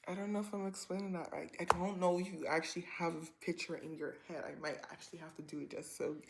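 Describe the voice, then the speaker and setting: Rambling young woman telling a storytime. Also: fairly low pitch. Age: 20s. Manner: rambling, animated, lots of filler and slang. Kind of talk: casual storytime vlog.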